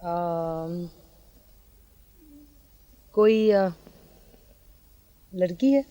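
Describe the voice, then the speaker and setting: An actress playing a hesitant young woman who speaks softly and haltingly, in a dull lo-fi recording with music behind. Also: fairly low pitch, clean tone, dry recording. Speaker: actor in TV drama. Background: drama score music.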